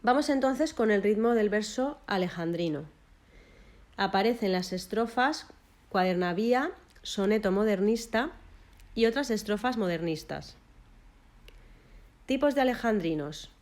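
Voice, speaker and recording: A woman explaining a literature lesson, listing technical terms one by one in a measured way with short pauses. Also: medium pitch, lively intonation, a little mellow.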